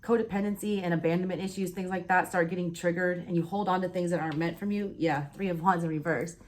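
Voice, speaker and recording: A woman's voice: lowish voice, steady tone, quick pace. Blunt Southern woman reading tarot. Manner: blunt, frequent swearing and "all right?" tags. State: hiccuping. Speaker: tarot reader. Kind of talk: casual tarot reading to camera.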